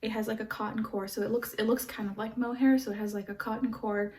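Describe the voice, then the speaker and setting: A woman's voice: on the high side, steady tone, quick pace, a little mellow, far from the mic. A woman vlogging casually about her knitting, rambling with lots of fillers and sounding stuffy from a runny nose. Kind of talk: casual show-and-tell chat.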